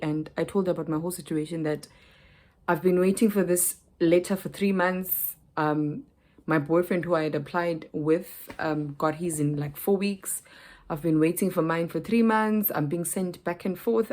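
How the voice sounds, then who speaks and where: A young woman with a South African accent talks straight to her camera in a loose, rambling way, full of fillers, restarts and side tracks. Her voice sits low and lands heavily. She tells her story the way she would tell a friend. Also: a little mellow. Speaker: vlogger. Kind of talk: casual chat to camera.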